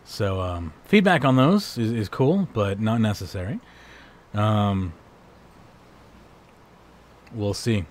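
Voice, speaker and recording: A man with a hoarse voice, hosting and wrapping up a livestream in a casual, rambling way. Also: on the low side, lively intonation, takes it slowly, long pauses, slight background noise. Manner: rambling, laid-back. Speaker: livestream host. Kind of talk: casual stream sign-off chat.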